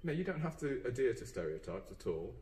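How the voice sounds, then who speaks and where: A teacher from Dudley, England, chats earnestly as a guest on a casual podcast, using many fillers and restarts. His mid-range, darkish voice is sing-song and a little fast, and the recording sounds roomy, with a distant mic and faint background noise.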